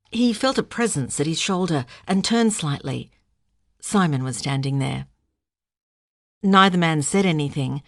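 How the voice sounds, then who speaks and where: A woman narrating a suspense novel in a steady reading. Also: on the low side, no room sound, studio quality. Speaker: audiobook narrator. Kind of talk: scripted narration.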